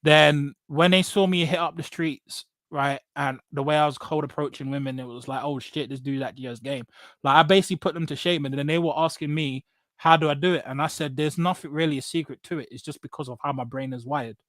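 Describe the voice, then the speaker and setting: Brisk and fairly bright, his voice runs on the high side with fairly even intonation and no echo. He's a man from England, a podcast guest with an English accent, bluntly and emphatically sharing personal stories, repeating himself and asking "right?"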